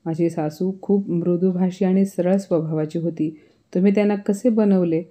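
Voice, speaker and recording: A woman doing a sharp-tongued young daughter-in-law. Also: fairly low pitch, fairly even intonation, normal speed, lightly acted. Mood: defiant.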